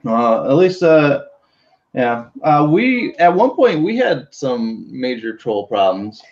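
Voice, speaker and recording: A man's voice: mid-range voice, very animated, slow, a little mellow, lo-fi sound. A man hosting a casual livestream chat, reading comments aloud and laughing often. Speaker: livestream host.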